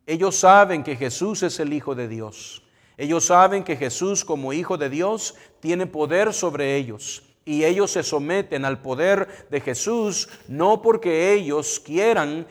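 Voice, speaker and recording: Man preaching in a reverberant hall. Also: fairly high pitch. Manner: rising to loud emphatic reading of scripture, then dropping quiet. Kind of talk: sermon. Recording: long reverb of a large hall.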